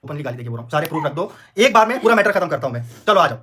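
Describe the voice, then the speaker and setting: A man's voice: on the high side, very animated, rapid-fire, heavy background noise. A man arguing heatedly on a livestream, repeating himself, pleading and threatening in turns. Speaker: vlogger on a livestream.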